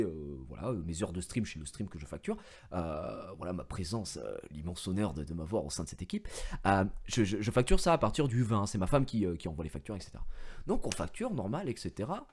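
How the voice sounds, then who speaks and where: A male streamer telling a story to his viewers in an expressive way, swinging from mumbling to shouting and swearing, on a headset mic. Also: low-pitched, brisk, husky. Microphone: gaming headset.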